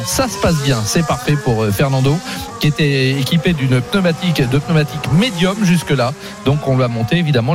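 Un homme qui commente une course automobile en direct, bavard et analytique, ponctuant son propos de tournures familières. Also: male voice, a little high. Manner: talkative, analytical, with frequent conversational tags. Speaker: motorsport commentator. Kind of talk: live motor racing commentary.

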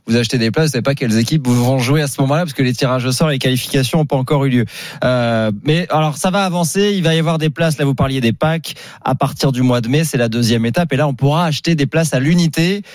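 A man's voice: mid-range voice, fast, dry recording, studio quality. Chatty male radio morning host. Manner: relaxed, chatty, hesitant fillers. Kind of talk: live radio talk and call-in. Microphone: studio microphone.

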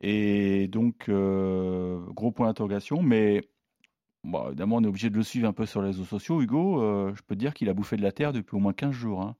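A man with a lowish voice gives tennis betting tips in a loose, animated way. He hesitates with fillers and slips in laughing asides. The recording is dry and close. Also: fairly quick, no room sound, dull audio. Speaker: tennis pundit. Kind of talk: casual chat.

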